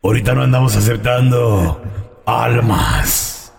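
A deep, unhurried devil. He talks in a slow, heavy, rumbling voice. His delivery is flat and dismissive. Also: gravelly. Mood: smug. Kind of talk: comic storytelling on a podcast.

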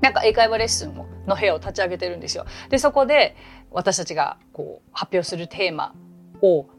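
A woman who teaches English, talking in a chatty, animated way as she hosts a casual podcast lesson, with quick asides. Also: lowish voice, vocal fry, soft background music.

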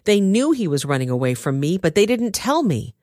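A woman voicing a paranoid king who shouts accusations at his men. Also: medium pitch, sing-song, brisk, no echo, clean studio sound, voice pushed up, lightly acted. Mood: furious.

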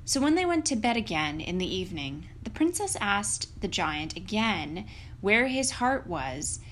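A woman narrates a fairy tale as a storyteller. Her delivery is expressive and unhurried, with a mid-range voice. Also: mid-range voice, a little hiss or hum, low-quality recording.

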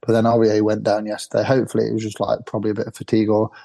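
An English football fan chatting on a podcast, his voice mellow and warm with a flat, even delivery. He rambles and trips over repeated words, laughing easily as he talks. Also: on the low side, racing, gravelly. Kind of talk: casual fan chat.

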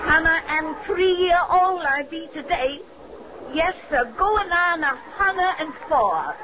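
Ancient cackling witch narrator, unhurried folksy drawl, sinister, muffled vintage radio sound. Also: very high voice, animated, a crowd in the background, exaggerated voice. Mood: sly, folksy. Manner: folksy, drawn-out, eerie cackling delivery. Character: cackling ancient witch storyteller, over a hundred. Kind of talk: 1930s radio acting. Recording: noisy, muffled 1934 radio recording.

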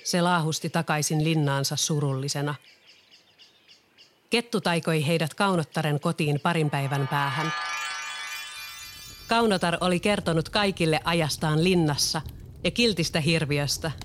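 Calm children's story narrator. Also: medium pitch, pauses often, faint music behind.

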